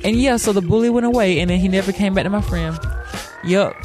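A young man from South Carolina, USA, appears as a storyteller guest, recounting a personal story in a casual, joking manner and acting out the quotes. He talks fast in a high voice, with music playing behind him.

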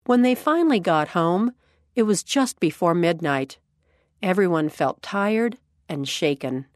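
A woman narrating a scripted story in a calm, measured way. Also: on the low side, no room sound, studio quality.

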